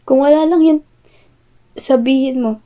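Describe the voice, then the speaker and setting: Casting: actress as jealous, wounded young-love girlfriend, Filipino accent, high female voice, halting pleading delivery, audio role-play, thin phone-like sound. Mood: pleading, insecure. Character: hurt jealous girlfriend confronting partner who came home late.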